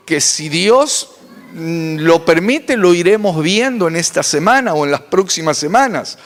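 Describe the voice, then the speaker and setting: Pastor, man, high and lively sermon voice, long hall reverb. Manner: animated preaching with dramatic pitch swings.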